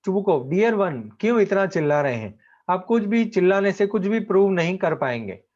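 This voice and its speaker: A man's voice: sits high, very animated, moderate pace, darkish tone, lo-fi sound. A man voicing a stubborn, condescending older male landowner from a play. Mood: patronising. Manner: condescending, calling the other "darling".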